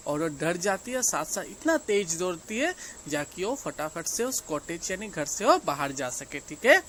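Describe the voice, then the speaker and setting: A woman's voice: on the low side, big pitch swings, a bit bright, slight background noise. A woman teacher with an Indian English accent, reading a class storybook line by line and explaining each part for young pupils. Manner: reads English lines slowly, then explains in Hindi.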